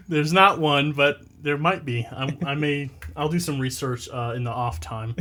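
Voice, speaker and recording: A man's voice: fairly high pitch, takes it slowly, pushed and bright. A man hosting a casual podcast chat. He jokes about himself, laughs easily and keeps the talk loose and friendly. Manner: jokey, self-deprecating, laughs often. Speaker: podcast host.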